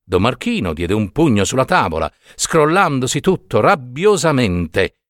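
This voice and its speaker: A man reading a story aloud with expressive, dramatic phrasing and long pauses. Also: mid-range voice, no echo, studio quality. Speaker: narrator.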